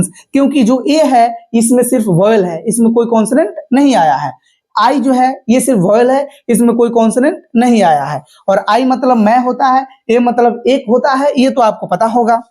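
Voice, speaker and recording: A man's voice: very high voice, warm tone. A man teaching English grammar in Hindi. He asks his viewers questions, answers them himself, and calls them friend. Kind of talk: classroom-style explanation in Hindi.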